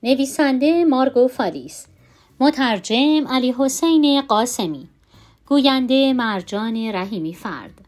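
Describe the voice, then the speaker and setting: A woman narrating a children's storybook aloud in an expressive, animated way. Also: high-pitched.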